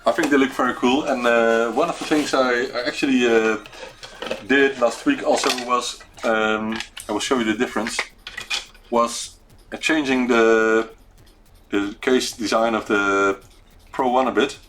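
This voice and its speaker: A man's voice: mid-range voice, fairly even intonation, unhurried, over music. A man with a Dutch accent hosting an unscripted livestream chat, hesitant and searching for words as he talks. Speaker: host of a weekly retro computing live show.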